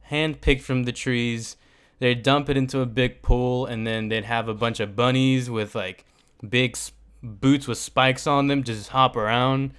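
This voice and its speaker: Smooth-voiced young man chatting casually. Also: mid-range voice. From United States. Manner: rambling, joking, animated asides. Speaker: podcast host. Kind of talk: casual solo chat.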